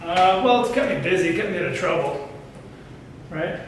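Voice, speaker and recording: A man's voice: sits high, expressive, moderate pace. A middle-aged man, a veteran tattoo artist, chatting bluntly and casually over a game of pool, often adding "you know". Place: indoors at a pool table. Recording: echoey room, distant mic, noticeable background noise.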